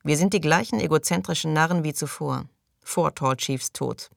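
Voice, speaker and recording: A man's voice: fairly high pitch, moderate pace, creaky, dry recording, studio quality. A man reading an audiobook, voicing a suspicious, brooding male colonist who asks distrustful, probing questions.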